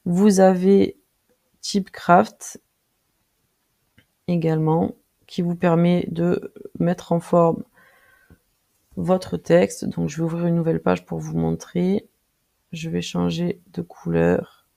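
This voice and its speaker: A presenter walking viewers through a design tool in a casual screen-recorded tutorial, speaking directly to them and pausing often with filler sounds while clicking. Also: mid-range voice, level tone, vocal fry, dark tone. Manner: friendly, addresses viewers directly.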